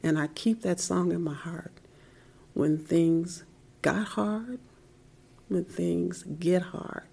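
A middle-aged woman giving a heartfelt personal faith testimony in an interview, soft-spoken and at times dropping to a whisper. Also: lowish voice, fairly even intonation, slow, gravelly, long pauses, slightly rough.

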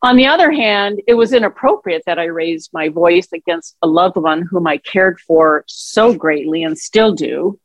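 A woman's voice: on the low side, lively intonation, normal speed, hardly any pauses, dry recording, highs cut off. A middle-aged woman in an interview, telling personal caregiving stories in a reflective, conversational way and acting out quoted dialogue. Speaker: guest, author and caregiver.

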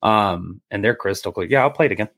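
A man's voice: on the low side, fast talker. Easygoing man on a paranormal podcast. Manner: relaxed, repeats himself, casual swearing. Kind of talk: casual chat.

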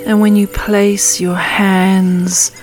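A woman host guiding a calm grounding exercise, soothing and unhurried, leaving long pauses between short phrases. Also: medium pitch, rough recording. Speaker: host of a meditation podcast. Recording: music behind the voice. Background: clear music.

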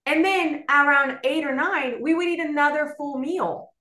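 As a podcast guest, this bilingual Spanish-English young woman from South Florida shares her story in an animated, chatty, conversational way. Her voice is high-pitched at normal speed, recorded in an echoey room.

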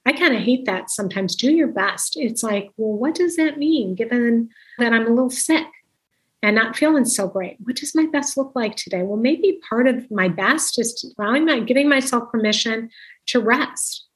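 Woman in her fifties, slightly high voice, chatty parenting talk with acted-out quotes. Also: animated, moderate pace, rough recording. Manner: chatty, acts out little quoted exchanges. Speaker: parenting speaker. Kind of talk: casual talk, giving advice.

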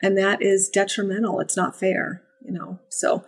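Speaking at a normal pace in a mid-range voice, a woman who breeds and trains puppies chats on a laid-back podcast. Acting out praise and puppy voices, she goes animated and sing-song.

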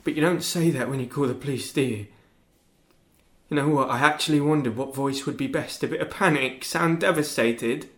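A young man playing a bitter teenage boy accused of killing his father, talking in a sullen, cold and detached way that flares into shouts. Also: medium pitch, normal speed, close to an everyday voice. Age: young adult. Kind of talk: stage drama acting.

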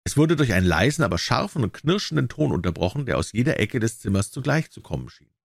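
A man's voice: medium pitch, sing-song, quick pace, vocal fry, slightly rough, dry recording, studio quality. A man reading a classic short story aloud, telling it expressively. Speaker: reader.

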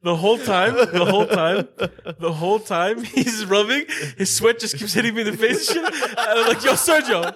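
A man's voice: high voice, normal speed, slightly rough. A young man co-hosting a podcast, telling a crude story between fits of laughter in casual chat. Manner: laughing, animated storytelling with profanity. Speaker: podcast co-host.

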